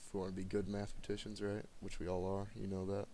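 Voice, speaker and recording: A tired man teaching math to his students in a recorded lesson, speaking in a monotone and addressing the class directly. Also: low-pitched, quick pace, slight background noise.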